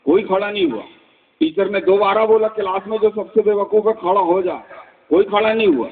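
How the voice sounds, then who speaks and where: A man's voice: high-pitched, normal speed. A man doing live stand-up comedy as a mimicry artist, telling jokes and acting out the dialogue himself. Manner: animated storytelling, acting out dialogue in quotes. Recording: tinny phone-like sound.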